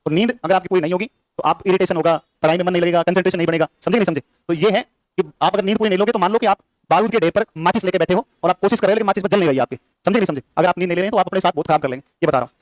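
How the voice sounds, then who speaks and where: A male teacher lectures a class at a very fast clip, his voice pitched high. He keeps firing the same questions back at the students. The sound is close and dry. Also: dry recording. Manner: rapid, repetitive quizzing of students. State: short on sleep.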